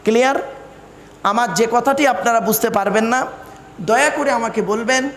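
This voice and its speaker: A man's voice: very high voice, moderate pace, a bit bright, slight background noise. A man preaching at a large gathering, quizzing his audience and reciting verses in a sing-song tone. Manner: quizzes the crowd with questions. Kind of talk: sermon at a religious gathering. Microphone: microphone over speakers. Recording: echoey hall reverb, faint ambience.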